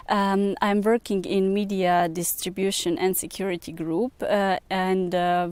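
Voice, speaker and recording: A woman's voice: on the low side, darkish tone, no room sound. Hesitant Serbian-accented young woman researcher. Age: young adult. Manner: hesitant, many filler sounds. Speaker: researcher and PhD student. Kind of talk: recruitment video interview.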